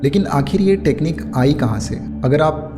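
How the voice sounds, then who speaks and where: A man with an Indian accent giving an explanatory meditation lesson in a soothing, unhurried yoga-teacher manner. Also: a little high, expressive. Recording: clear music bed under the voice. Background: music.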